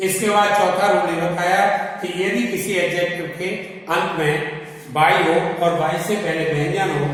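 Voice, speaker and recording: A man teaching an English grammar lesson in a classroom style, slowly spelling out and repeating words. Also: high voice, fairly even intonation, fairly bright tone. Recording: echoey hall, voice from far off.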